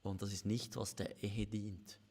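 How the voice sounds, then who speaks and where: A Swiss German-accented pastor co-hosts a live-streamed marriage chat from his church office, speaking earnestly and confessionally. His lowish, dark voice is level in tone, a little slow, with a breathy edge.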